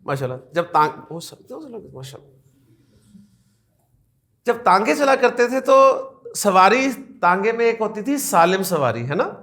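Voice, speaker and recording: A man's voice: sits high, big pitch swings, a bit bright. A man teaching a class, who keeps asking his students questions and repeating the key points. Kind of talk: classroom lecture.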